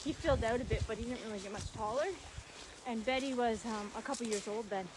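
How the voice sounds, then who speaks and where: A woman chatting casually as she guides a walking tour outdoors, telling stories in an animated way and acting out reactions. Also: fairly high pitch, quick pace. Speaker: sanctuary founder and tour guide. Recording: noisy outdoor recording, clicks and footsteps.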